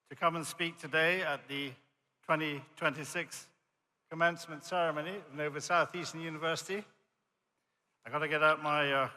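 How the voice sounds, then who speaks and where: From a podium in a large hall with a reverberant sound, an older man from Jamaica delivers a commencement address in a Jamaican accent. His fairly high voice has a bright, forceful tone, and he tells stories in a friendly way, often poking fun at himself.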